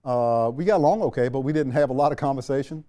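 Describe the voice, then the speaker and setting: A retired general, an older man from Washington, D.C., reflects on his life as a guest in a sit-down interview. His mellow, relaxed voice sits in an ordinary male middle range, and he speaks unhurriedly, circling back and restarting sentences.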